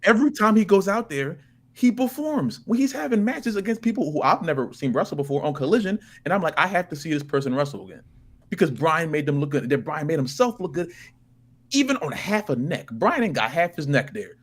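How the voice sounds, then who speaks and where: A man's voice: a little high, big pitch swings, fairly quick. A man co-hosting a podcast, arguing his point with passion and insistence in casual chat. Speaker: podcast co-host.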